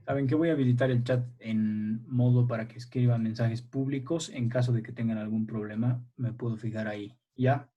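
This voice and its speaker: A man's voice: mid-range voice, steady tone, moderate pace, hardly any pauses, dark tone, dull audio. A man teaching a primary school language class over a video call, patiently quizzing his pupils and encouraging them. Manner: patient, encouraging, checks in often with "a ver" and "¿ya?".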